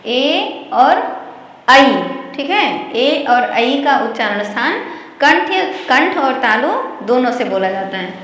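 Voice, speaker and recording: A woman's voice: high-pitched, animated, takes it slowly, fairly bright tone. A woman teaching Sanskrit grammar in an online lesson, patiently repeating each point and checking that students have understood. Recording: echoey room, voice from far off.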